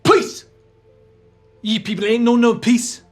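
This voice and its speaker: Man putting on a gruff Scottish warrior chief. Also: very high-pitched, steady tone, slow pace, soft background music. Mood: gruff, hostile. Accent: attempted heavy Scottish. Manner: blunt, confrontational. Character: gruff male badger-riding warrior chief.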